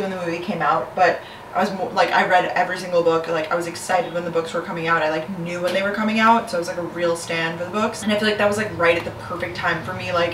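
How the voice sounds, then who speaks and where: A lifestyle vlogger in her twenties chats upbeat to her camera, filling nearly every thought with "like." Her voice is lowish and slightly hoarse, and since the camera sits on the kitchen counter some distance away, it picks up a roomy apartment echo over a steady hum.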